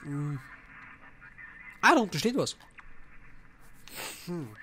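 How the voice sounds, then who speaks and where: A man commentating a horror game as he plays, swearing and shouting at enemies. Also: a little high, sing-song, slow, slight background noise. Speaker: let's play gamer.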